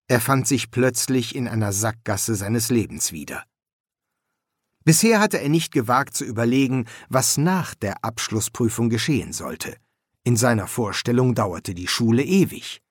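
A man reads a novel aloud in an expressive storytelling manner. His pitch rises and falls freely, and the sound is close and dry. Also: slightly rough, no echo. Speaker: audiobook narrator. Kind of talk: scripted narration.

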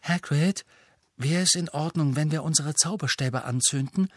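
A man's voice: on the high side, normal speed, no echo, studio quality, voice pushed up, close to an everyday voice. A man voicing a clever, earnest teenage girl in an audiobook, asking careful questions. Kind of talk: audiobook character voice.

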